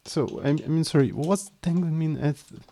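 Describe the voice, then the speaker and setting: A man with a slightly high, mellow voice speaks at a moderate pace. English isn't his first language; as he live-streams and explains his code casually, he comes across as hesitant and apologetic, restarting often.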